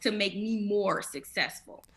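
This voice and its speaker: Hoarse youthful-voiced woman, bright. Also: medium pitch, unhurried. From Minnesota. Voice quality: youthful-sounding voice. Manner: animated storyteller, acts out quotes. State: hoarse from a cold. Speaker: guest, former radio personality. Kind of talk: casual interview conversation.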